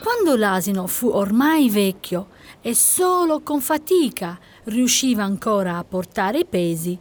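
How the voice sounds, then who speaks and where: A woman reading a fairy tale aloud as storyteller, slow and expressive. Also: mid-range voice.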